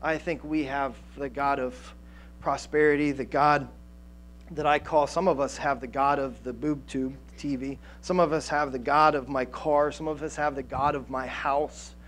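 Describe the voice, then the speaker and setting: A man in his thirties preaching a sermon on a church stage through a headset mic, animated, with frequent restarts and fillers. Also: medium pitch, normal speed, slight background noise. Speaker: pastor. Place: church stage with band gear, indoors.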